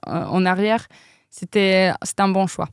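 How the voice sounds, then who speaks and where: A young woman who isn't a native French speaker recounts her exchange-study experience as a guest in a casual interview. She speaks a little slowly in a clear, resonant, mid-range voice with fairly even intonation, hesitating, using lots of fillers and laughing often. The recording is clean studio sound with no room echo.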